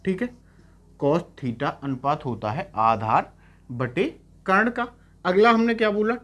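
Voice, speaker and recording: A man's voice: a little high, animated, unhurried, fairly bright tone. A male math teacher giving a lecture in Hindi mixed with English terms. He keeps asking short checking questions and repeats each key term. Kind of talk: classroom-style lecture.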